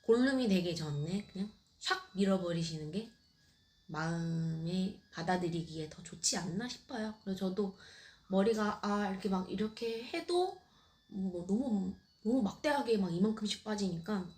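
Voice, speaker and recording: Lively woman sharing her story candidly. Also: medium pitch. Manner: candid, animated, lightly humorous. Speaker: cancer patient vlogger. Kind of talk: casual personal storytelling.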